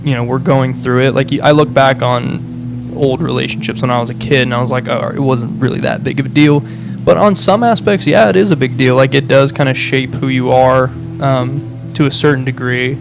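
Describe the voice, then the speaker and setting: Here a young man from the Midwest speaks in a creaky, mid-range voice, musing casually with plenty of fillers and false starts. He sounds unsure of himself and laughs a lot, with music running behind him.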